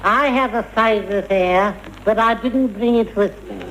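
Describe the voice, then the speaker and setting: A man's voice: high voice, moderate pace, lightly acted. A man playing a prissy, dainty garbage man with a coy, mincing, precise manner in an old radio comedy. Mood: coy, earnest. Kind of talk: 1940s radio variety comedy acting. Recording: old radio recording with audience and hiss.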